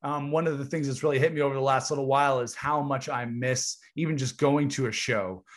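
A man's voice: medium pitch, steady tone, brisk. A man co-hosting a podcast in casual music chat. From Canada. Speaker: podcast co-host.

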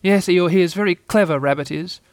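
Casting: squeaky, jittery little storybook piglet, done by a man, raised well above his own voice. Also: dry recording, studio quality. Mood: timid. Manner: nervous and hurried. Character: small timid male piglet.

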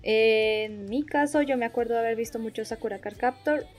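A woman's voice: on the high side, moderate pace, faint music behind. A woman from Colombia with a Colombian accent, chatting casually as a podcast co-host. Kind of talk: casual chat.

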